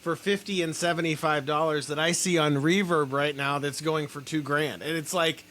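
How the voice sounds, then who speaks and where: A man's voice: fairly high pitch, fairly even intonation, normal speed, fairly bright tone. A man hosting an interview, chatting loosely with lots of fillers. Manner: loose and chatty, many "you know" fillers. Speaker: host. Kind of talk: casual interview chat.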